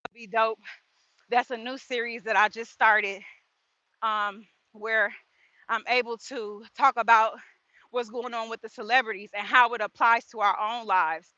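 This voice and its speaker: Chatty high-voiced woman on a walk. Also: steady tone, a little slow, pushed and bright, dry recording, lo-fi sound. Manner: chatty, faith-focused, laughs often. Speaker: vlogger. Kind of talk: casual walk-and-talk vlog. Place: outdoors on a walk.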